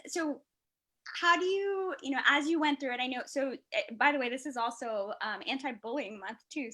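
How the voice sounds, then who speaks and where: Middle-aged woman, higher pitch, dermatologist host, emotional storyteller who restarts sentences often. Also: pushed and bright. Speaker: dermatologist hosting a panel. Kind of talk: conversational panel discussion.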